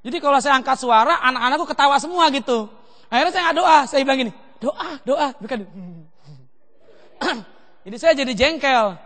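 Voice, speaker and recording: A man pastor preaching a seminar sermon in a lively way, acting out children and parents in quick little voices. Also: very high-pitched, long reverb tail.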